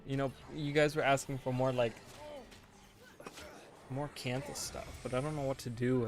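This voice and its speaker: Vocal fry runs through this man's mid-range voice as he chats casually during a game stream. He's in his late twenties and rambles, thinking aloud and correcting himself, filling his talk with "like" and "you know."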